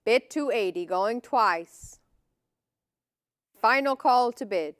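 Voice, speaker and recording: A woman's voice: a little high, animated, takes it slowly, clean tone. A woman working as an auctioneer, calling lots and bids in a formal, clipped, repetitive manner.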